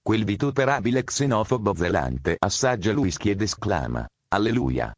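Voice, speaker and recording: A male text-to-speech voice reading a text in a flat, automated way, like a station announcement. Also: fairly low pitch, moderate pace, no echo, lo-fi sound. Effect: synthetic text-to-speech voice.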